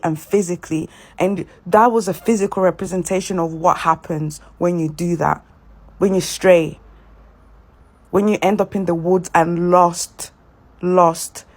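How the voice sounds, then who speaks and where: A woman speaking earnestly in reflective, spiritual commentary. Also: medium pitch.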